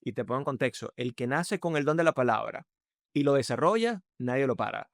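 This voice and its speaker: A man's voice: animated, a little fast, creaky, no room sound, studio quality. A Venezuelan man with a Venezuelan accent, a podcast guest explaining communication emphatically and shifting his tone to demonstrate. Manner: emphatic, varies his pitch and loudness to demonstrate. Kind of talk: conversational explanation.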